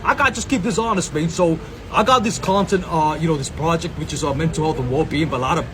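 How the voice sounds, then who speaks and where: Out in a public space, a man from Sri Lanka records a rambling self-filmed monologue for his content, packed with slang, fillers and recurring catchphrases. His voice is a little high and fast, with background noise behind it.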